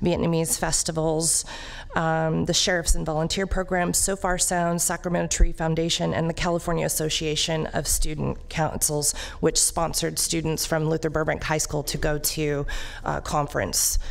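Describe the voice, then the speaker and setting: A woman's voice: sits low, little pitch movement, normal speed, gravelly. A woman representing a business district, giving an upbeat, proud presentation with fillers to a county board in a meeting chamber at a podium microphone. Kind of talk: public presentation at a government meeting.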